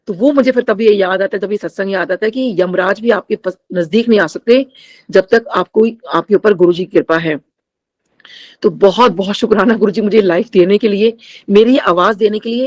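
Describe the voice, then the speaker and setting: A middle-aged woman sharing a spiritual testimony with a congregation. She addresses them often and mixes English phrases into her Hindi. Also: mid-range voice.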